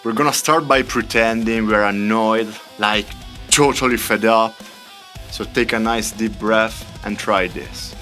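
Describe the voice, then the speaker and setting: Slow-paced male vocal coach, bright voice. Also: fairly low pitch, steady tone, faint music behind. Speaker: extreme vocal coach and singer. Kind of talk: scripted video tutorial.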